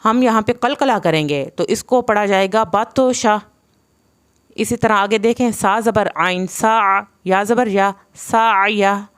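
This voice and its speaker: A woman teaching Quran recitation in an online lesson, patiently spelling out letter sounds and slowing down to model each one. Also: mid-range voice, clear, resonant tone.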